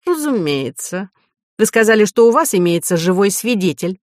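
A woman voicing a petty, suspicious old male professor who speaks in a shrill, whiny tone like an offended child. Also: sing-song, moderate pace, a little mellow, dry recording, clean studio sound, natural voice. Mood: peevish.

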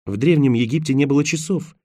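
A male reader voicing an eager, excitable young woman exploring a tomb in an audiobook, urgent and quick to give orders. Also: medium pitch, no echo, studio quality, close to an everyday voice. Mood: excited.

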